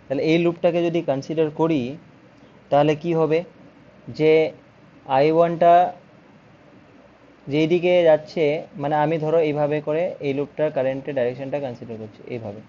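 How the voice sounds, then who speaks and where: A man's voice: on the high side, fairly even intonation, normal speed, long pauses, mellow, highs cut off, a little hiss or hum. Patient Bengali-accented man teaching physics. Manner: patient, explains step by step. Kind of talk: online physics lesson.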